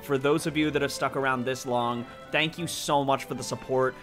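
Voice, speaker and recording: A man hosting a let's play, commenting with gushing excitement and chatty asides to viewers. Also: mid-range voice, moderate pace, soft background music. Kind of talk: gameplay commentary.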